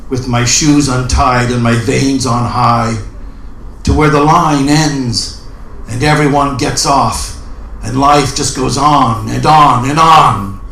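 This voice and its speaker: Male open mic poet, measured and unhurried, live roomy recording with slight noise. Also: mid-range voice, fairly even intonation, pushed and bright. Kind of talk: spoken introduction and dramatic poetry recital. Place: indoor open mic event room.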